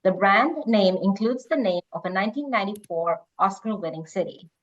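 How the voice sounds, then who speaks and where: A woman hosts a quiz, reading out questions and chatting casually with players in a mid-range voice at a brisk pace. The audio is dull, lo-fi online call sound.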